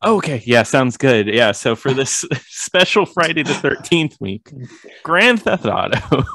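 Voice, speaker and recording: A man's voice: mid-range voice, very animated, takes it slowly, bright, forceful tone. A man co-hosting a film podcast in casual chat, laughing often and bantering with his partner. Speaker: podcast co-host.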